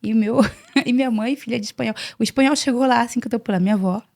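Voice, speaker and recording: A Brazilian woman in her forties, a podcast guest, telling her life story in an earnest, animated way and often repeating words. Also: a little high, quick pace, gravelly. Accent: Brazilian Portuguese. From Brazil (Salvador, Bahia). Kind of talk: casual interview storytelling.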